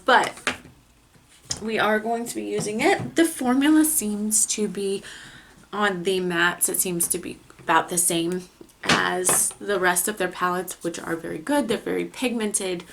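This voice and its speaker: A woman beauty vlogger chatting casually through a makeup tutorial and palette review, often pausing on filler words. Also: lowish voice, gravelly, a bit bright, slight background noise.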